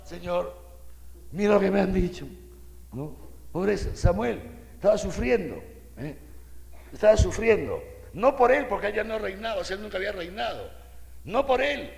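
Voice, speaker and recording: An older man from Peru, a bishop, giving an animated, folksy sermon full of rhetorical asides to his listeners. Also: high-pitched, vocal fry, in a large hall.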